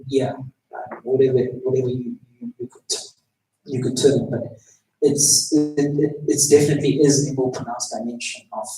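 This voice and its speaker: A man on a panel answers slowly, hesitating as he searches for his words. His voice is mellow and dark. He sounds distant in a roomy space with faint noise behind him. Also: mid-range voice.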